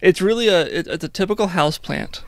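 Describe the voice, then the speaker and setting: A man talking as a podcast guest, hesitant and halting as he explains. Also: high-pitched. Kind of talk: casual chat.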